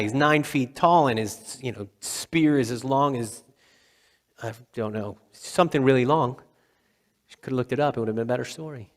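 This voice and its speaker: Man preaching in a reverberant hall. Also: a little high. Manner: conversational, dramatic pauses, acts out quotes. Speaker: pastor. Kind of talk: sermon. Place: church sanctuary.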